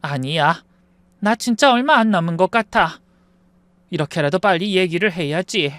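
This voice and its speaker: A man voicing a dying old rich lady, soft and remorseful. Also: sits high, animated, normal speed, smooth, dry recording. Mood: urgent, tender. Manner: soft, weary, apologetic speech. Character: dying elderly wealthy woman, gentle and remorseful.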